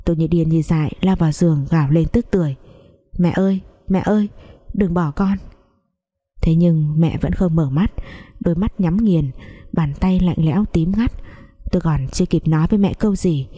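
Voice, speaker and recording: Somber, dark-voiced woman storyteller. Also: lowish voice. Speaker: narrator. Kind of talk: first-person story narration.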